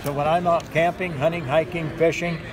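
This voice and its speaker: A middle-aged man with a somewhat high voice gives a hands-on sales demo at a busy indoor gun show. He talks in steady, instructive patter and repeats the same simple tips. A crowd murmurs loudly behind him, recorded from a camera close by. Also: fairly quick. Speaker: knife sharpening demonstrator. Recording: noisy crowded show floor. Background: crowd chatter.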